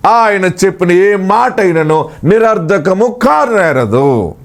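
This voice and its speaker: Man, pastor, Telugu accent, slightly high voice, consoling sermon, direct repeated questions. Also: expressive, takes it slowly.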